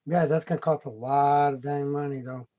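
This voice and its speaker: A woman's voice: low-pitched, fairly even intonation, moderate pace, mellow, rough recording. A woman hosting a casual livestream from home, cooing baby talk to her pet cat and chatting with viewers. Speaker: livestream host.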